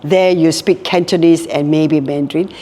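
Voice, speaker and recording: A Singaporean woman in her later years, co-founder of a hotel group, speaks reflectively as a guest in a casual interview, often repeating words while she thinks. Her voice is low and dark, steady and at normal speed, with a long reverb tail.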